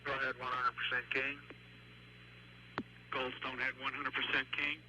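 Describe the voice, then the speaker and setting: A man's voice: medium pitch, flat delivery, moderate pace. A man working as a tracking station operator, giving terse check replies over a radio loop. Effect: radio transmission. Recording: noisy telephone-like radio loop.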